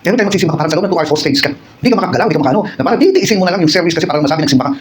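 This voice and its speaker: A middle-aged Filipino man preaching at a church service in a rapid-fire torrent of words. His voice sits a little high and he keeps turning to the congregation with rhetorical questions. A faint room hum runs under him. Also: very animated. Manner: personal storytelling with acted quotes. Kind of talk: midweek sermon, conversational.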